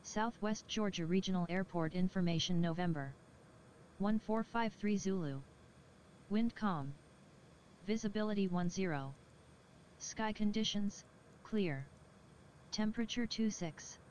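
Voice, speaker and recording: A synthetic voice reading an automated airport weather broadcast in a flat, clipped, steady way. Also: mid-range voice, unhurried, long pauses, muffled recording, slight background noise. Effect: automated airport weather broadcast over radio. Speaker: recorded airport information service. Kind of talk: steady scripted readout of weather and runway data.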